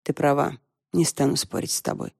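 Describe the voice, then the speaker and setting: A woman reading an audiobook, voicing a shaken, guilty middle-aged man who speaks in a low, hushed way. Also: little pitch movement, a little fast, vocal fry, slightly rough, no room sound, studio quality, full character voice. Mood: subdued.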